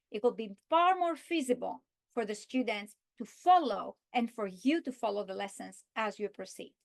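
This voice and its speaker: A woman explaining a reading lesson structure to teachers and modeling the script, slowing down to stretch key words. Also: fairly high pitch. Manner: slow, deliberate delivery, stretching key words when modeling. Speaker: teacher trainer.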